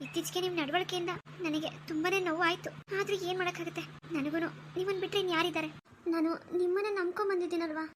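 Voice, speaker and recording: A woman voicing a kind, pregnant young village wife in a cartoon story, speaking in a soft, caring, forgiving way. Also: very high-pitched, fairly even intonation, fast, background noise. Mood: hurt.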